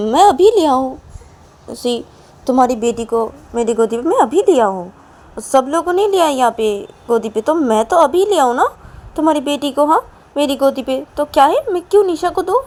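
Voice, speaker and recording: A woman voicing a stubborn middle-aged father who talks loudly and won't give in. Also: sits high, expressive, normal speed, pitched above the performer's own voice. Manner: loud, stubborn.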